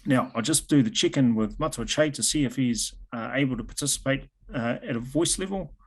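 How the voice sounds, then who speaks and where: Hosting an informal presentation through a video call microphone, a man with a New Zealand accent talks briskly and chattily. His voice sits in the mid range.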